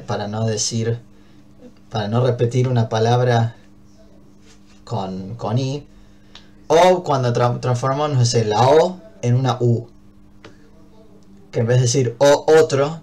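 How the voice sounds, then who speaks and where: A man with an Argentine Spanish accent explains a grammar point to his students. He sits at a middle pitch and speaks patiently, pausing often to check that everyone is following. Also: a little mellow. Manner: patient, checks understanding with frequent "¿bien?". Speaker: English teacher. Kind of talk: online class explanation.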